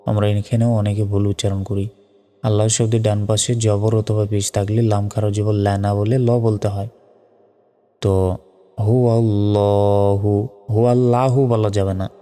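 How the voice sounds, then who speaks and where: Man, Bangladeshi Bengali accent, Quran pronunciation teacher, spells letters then chants slowly, flat steady delivery, long reverb. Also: lowish voice. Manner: spells words letter by letter, drawn-out chanted recitation. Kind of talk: spoken lesson on Quran pronunciation. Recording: long reverb with faint music.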